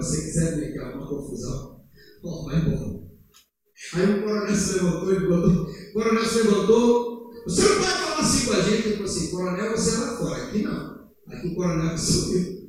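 Animated pastor in an echoey church. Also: male voice, quick pace, distant mic. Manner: animated, swings from loud urging to low asides. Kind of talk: sermon. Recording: echoey church hall, heard from afar.

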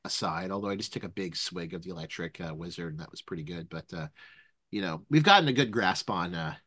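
A man's voice: low voice, fast talker, dry recording. A man co-hosting a casual beer-review podcast, joking and laughing as he talks. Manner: joking, animated, laughs a lot. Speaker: podcast co-host. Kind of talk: casual chat reviewing beers.

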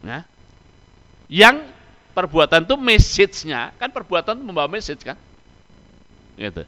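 A man's voice: high-pitched, normal speed. A man preaching a sermon, quizzing his listeners with rhetorical questions and answering them himself. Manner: animated, rhetorical questions to the audience. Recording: long hall reverb.

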